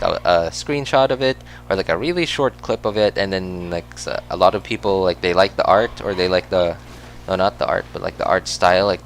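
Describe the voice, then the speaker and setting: Here a gaming streamer speaks in a low register with a Filipino accent; he's from the Philippines and grew up speaking Cebuano. His talk is casual and rambling as he plays, packed with fillers and self-corrections. A little hiss or hum is audible.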